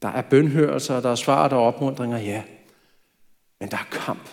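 In a reverberant church hall, a man preaches a sermon conversationally, adding light asides. He has a medium-pitched voice with vocal fry.

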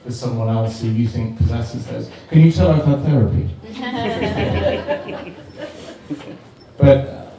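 A man's voice: mid-range voice, sing-song, takes it slowly, pauses often, mellow. A man on a book club panel, talking frankly and casually, swearing now and then and poking fun at himself. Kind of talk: casual discussion. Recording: echoey room, mic far off, faint noise.

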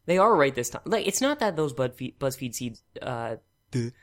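A man's voice: mid-range voice, big pitch swings, normal speed, fairly bright tone. A man hosting a podcast in a casual, wry, joking way. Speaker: podcast host. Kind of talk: casual chat.

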